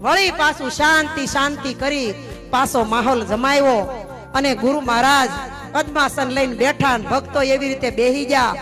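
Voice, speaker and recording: A woman from Gujarat, telling a devotional story in a lively, folksy, teasing way at a satsang. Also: high voice, moderate pace, music in the background.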